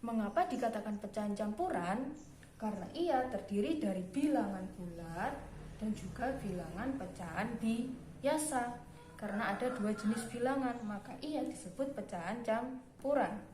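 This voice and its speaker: A woman's voice: fairly high pitch, expressive. A young woman teacher patiently explaining a primary school math lesson step by step. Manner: slow, patient explaining with frequent "nah". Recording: echoey room with background noise.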